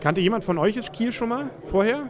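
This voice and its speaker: A man's voice: high voice, lively intonation, moderate pace. A man hosting a radio podcast, asking chatty, jokey questions in a street interview. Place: outdoors in a busy city. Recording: crowd noise behind. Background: crowd.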